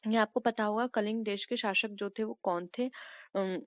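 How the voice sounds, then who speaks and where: A woman's voice: medium pitch, fairly even intonation, moderate pace, no room sound, studio quality. A woman teacher working through exam practice questions, reading out each set of options and then patiently explaining the right answer.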